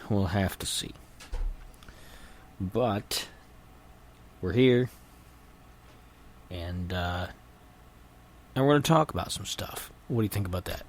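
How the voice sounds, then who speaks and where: A middle-aged man hosting a casual solo podcast, rambling haltingly with his jaw held nearly shut, so his words come muffled through his teeth. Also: deep voice. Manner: halting and hesitant, repeating words. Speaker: podcast host.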